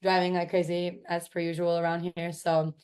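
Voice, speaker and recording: A woman instructor speaks in a slightly low voice with a smoker's rasp, hoarse from too much talking. She teaches informally and conversationally, stressing her points in a chatty, emphatic way. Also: monotone, normal speed, darkish tone. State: voice worn out from talking. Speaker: course instructor.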